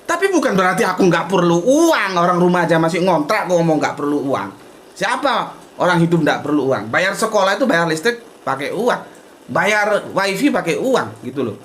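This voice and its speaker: A man's voice: sits high, big pitch swings, moderate pace, a bit bright, slight background noise. A man giving a blunt, outspoken casual talk to an audience, often tagging sentences with "gitu loh". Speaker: invited speaker at a religious discussion.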